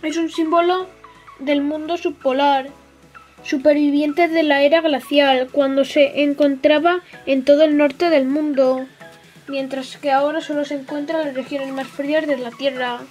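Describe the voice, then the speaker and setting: Female kids' toy channel host, very high voice, sing-song and enthusiastic, music underneath. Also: steady tone, measured pace, a little mellow. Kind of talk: toy unboxing for children.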